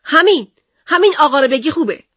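A woman voicing her young schoolboy son, rude and impatient, who shouts his demands. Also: high-pitched, animated, no room sound, studio quality, pitched above the performer's own voice. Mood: bossy.

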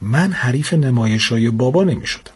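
Male comic storyteller, husky, dry and wry in delivery. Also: mid-range voice. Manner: wry, deadpan complaining. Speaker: narrator. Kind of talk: comic first-person storytelling.

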